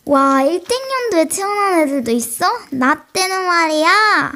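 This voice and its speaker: Teen girl, high bright pitch, slightly sore throat, mock livestream role-play, bickering with chat. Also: lively intonation, measured pace. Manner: talks straight to imagined chat viewers, scolding and chatty. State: mild sore throat from a cold. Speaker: solo role-play creator.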